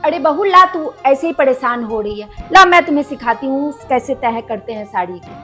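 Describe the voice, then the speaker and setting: Woman doing a patient mother-in-law, firm but caring, lectures a bit, high voice, music underneath. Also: lively intonation, moderate pace, pushed and bright. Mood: scolding. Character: kind middle-aged mother-in-law, patient and wise. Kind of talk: family skit acting.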